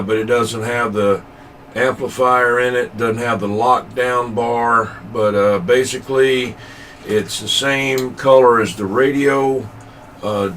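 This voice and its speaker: This man's mid-range voice has a slight brightness as he rambles in a folksy, casual way over CB radio as a hobbyist operator. The recording was made in a noisy room, with him sitting far from the mic.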